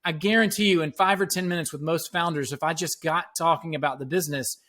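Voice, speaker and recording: Middle-aged man guest, slightly high voice, breaks things down like a teacher. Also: steady tone, fast talker, a bit bright. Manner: explanatory, breaks ideas into steps like a teacher. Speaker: guest, education entrepreneur. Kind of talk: podcast interview answers.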